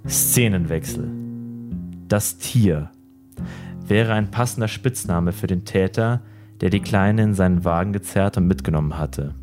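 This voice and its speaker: A man hosting a podcast, telling a true-crime story in a grave, measured narration. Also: low-pitched, darkish tone. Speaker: podcast host. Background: guitar music.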